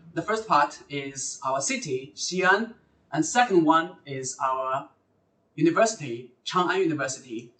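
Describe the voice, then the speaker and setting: Hosting a live recruitment lecture for a university, a man hesitates, using fillers and correcting himself as he goes. His fairly high voice has a sharp edge, and the sound is roomy and distant from the microphone.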